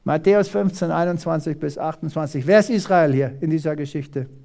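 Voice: brisk, dark tone. A preacher from South Africa giving a dramatic sermon, reading scripture aloud and firing rhetorical questions at the congregation. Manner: dramatic, rhetorical questions, sweeping pitch swings. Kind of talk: animated sermon with Bible reading.

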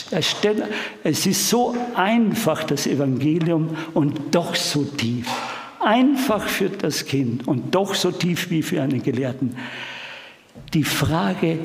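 Slightly high-voiced guy preaching, slow and emphatic, lots of hall echo. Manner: emphatic, addresses the congregation directly with questions. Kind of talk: sermon. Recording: roomy hall with long reverb.

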